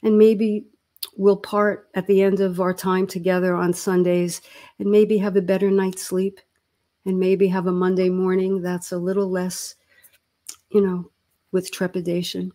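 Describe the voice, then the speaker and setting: A woman's voice: lowish voice, flat delivery, a little slow, dark tone. A woman in her sixties, a therapist co-hosting a podcast, talking in a reflective, earnest way and searching for her words. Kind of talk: casual podcast chat.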